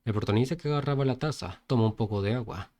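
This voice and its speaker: A man narrating a comic story in a relaxed, informal way, with small slips and spoken sound effects. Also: mid-range voice, very fast.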